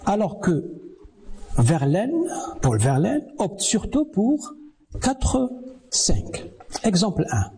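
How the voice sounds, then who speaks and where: Slow, lively-pitched male lecturer. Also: slightly rough. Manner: slow, deliberate, counting syllables aloud. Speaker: university lecturer. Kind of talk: televised distance-learning lecture.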